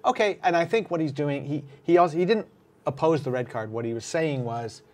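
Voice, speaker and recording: A man's voice: on the high side, fairly quick. A man hosting a casual sports podcast, recapping a rugby match in a conversational way with many fillers. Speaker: podcast host.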